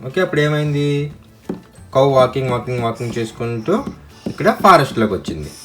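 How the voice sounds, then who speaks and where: Woman storyteller for kids, low voice, asks the child questions, faint music behind. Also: lively intonation, brisk. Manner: asks the listener questions, mixes in sound effects.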